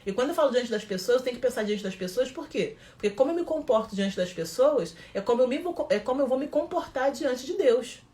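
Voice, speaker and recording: A woman's voice: fairly high pitch, lively intonation, fast talker, hardly any pauses, warm tone. A woman with a Brazilian Portuguese accent, mentoring in a conversational teaching talk who often checks in with her listeners and acts out what people say. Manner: conversational, asks the audience questions, acts out quoted voices. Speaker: emotional development mentor.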